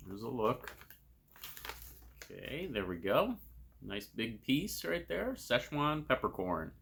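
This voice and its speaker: A man's voice: mid-range voice, very animated, slow, gravelly, a bit bright. A man giving a casual food review to camera as host, tasting and crunching chips between remarks.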